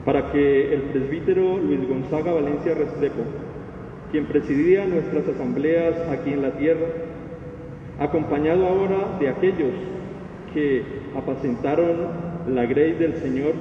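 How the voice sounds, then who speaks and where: A middle-aged man reading liturgical intercessions in a solemn, measured way. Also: a little high. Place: inside a church. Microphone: lectern microphone, through face mask. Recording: reverberant church, distant mic, dull, noisy.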